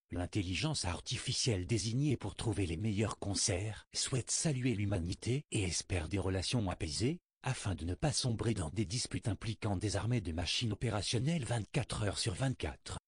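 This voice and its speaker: A man's voice: fairly low pitch, animated, moderate pace, slightly rough, no echo, studio quality. A man voicing a formal, courteous artificial intelligence that gives scripted automated concert advice.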